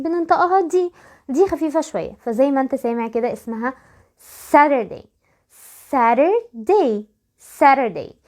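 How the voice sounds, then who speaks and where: Lively high-voiced Egyptian woman teaching pronunciation. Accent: Egyptian Arabic. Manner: switches between quick explanations and slow, drawn-out model words. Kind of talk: online pronunciation lesson.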